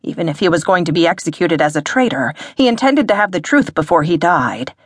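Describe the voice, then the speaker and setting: A woman reading an audiobook in a measured, dramatic narration. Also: lowish voice, animated, husky, no room sound. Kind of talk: scripted narration.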